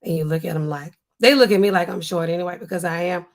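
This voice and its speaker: Reading comments in a relaxed livestream chat, this pharmacist streamer speaks in a weak, husky, hoarse voice. She's lively overall but slows down and lowers her tone to come across as stern, all from a home studio lit by a neon sign.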